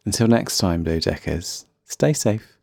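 A man's voice: low voice, expressive, measured pace, vocal fry, a little mellow, breathy edge, dry recording, clean studio sound. A man with a faint Birmingham accent hosting a casual solo music podcast, chatty, rambling and self-deprecating. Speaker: podcast host.

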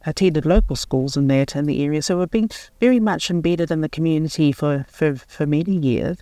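Pausing at times to find the right words, a woman of roughly sixty from New Zealand speaks earnestly and without hurry in a radio interview about her role as a local board chair. Her low voice has a warm tone, and there is no echo.

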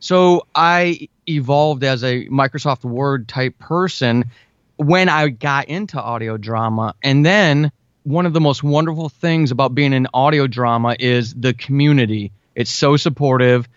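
Speaking unhurriedly in a mid-range voice, the man, an audio drama writer being interviewed, talks casually and earnestly about the craft he loves. There's no echo, but the high frequencies are cut off.

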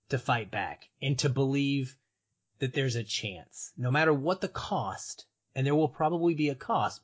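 A man's voice: medium pitch, husky, muffled recording. A man co-hosting a podcast, talking through a film in casual, enthusiastic analysis with earnest emphasis and frequent digressions. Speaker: podcast co-host.

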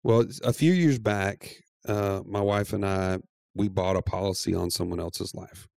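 A man co-hosting a podcast, telling stories in a lively, casual way and laughing often. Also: low voice, moderate pace, vocal fry, no echo, studio quality. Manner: animated storyteller, laughs often. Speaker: podcast co-host. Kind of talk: casual chat.

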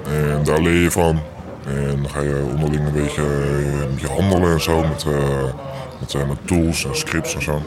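A young man in his twenties, his voice disguised with an effect that makes it sound very deep. He talks hesitantly with many fillers. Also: flat delivery, moderate pace, crowd noise. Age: 20s. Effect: voice disguised by pitching it down to sound very deep. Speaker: interviewed hacker. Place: small café.

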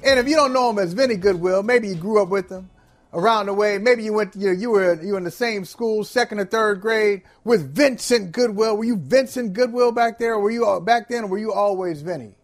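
Brief: middle-aged male sports host, very high voice, teasing and animated, faint music behind. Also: brisk. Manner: teasing, animated, acts out quoted fans. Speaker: podcast co-host. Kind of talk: casual sports talk.

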